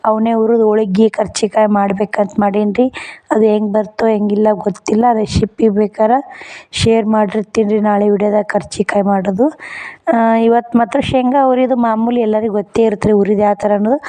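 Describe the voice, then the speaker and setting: A woman's voice: a little high, a little mellow, poor audio. Chatty village vlogger woman. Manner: chatty, keeps addressing viewers as friends. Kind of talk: casual daily vlog talk.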